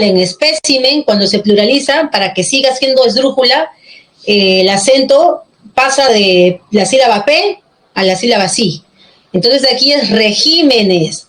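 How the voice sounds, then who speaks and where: Patient teacher, woman's higher voice. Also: fairly bright tone, rough recording. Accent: Peruvian Spanish. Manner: patient, checks often with "¿ya?". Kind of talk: online class on accent marks.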